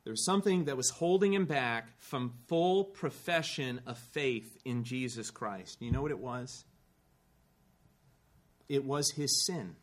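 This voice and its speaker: A man preaching to his congregation in a church. He tells a story with earnest, building emphasis and drops in a dry aside now and then. His pitch sits in the middle range for a man. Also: measured pace. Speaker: pastor. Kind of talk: sermon.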